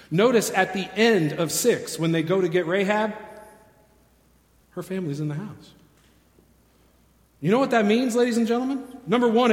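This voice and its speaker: A pastor preaching a sermon in a church, moving from low and quiet to shouting and urgent. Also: male voice. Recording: echoey church hall.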